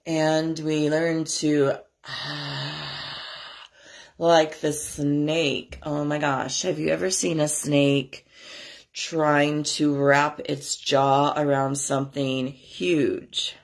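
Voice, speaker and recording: A woman with a fairly low voice, stuffy and scratchy from a cold, leading a spiritual workshop. She talks unhurriedly in loose, rambling asides and draws her chants out slowly and steadily. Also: little pitch movement. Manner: chatty, rambling asides with soft laughs. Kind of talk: guided chanting class.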